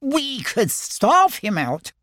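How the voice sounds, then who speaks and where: A man's voice: very high-pitched, wildly swooping pitch, slow, pushed and bright, no room sound, studio quality, voice pushed up, full character voice. A man voicing a small, timid young pig who is anxious and eager not to be left out. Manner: anxious, pleading.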